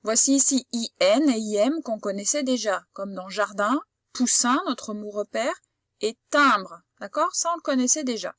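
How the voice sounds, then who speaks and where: A woman's voice: on the high side, lively intonation, a bit bright, dry recording, studio quality. A woman giving a patient phonics lesson to a child, sounding out each word with care. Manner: slow, patient, carefully articulated explanation. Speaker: primary school teacher.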